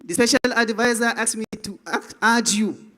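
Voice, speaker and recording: A Nigerian man making a formal goodwill speech at a public forum, slow and emphatic, repeating his phrases like an orator. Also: very high-pitched, pushed and bright. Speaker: government representative giving a goodwill message. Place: event hall.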